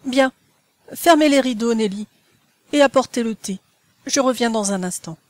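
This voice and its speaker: Breathless excitable young woman, raised pitch, gushing exclamations, dry close recording, read by a woman narrator. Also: moderate pace, dry recording, lightly acted. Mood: eager.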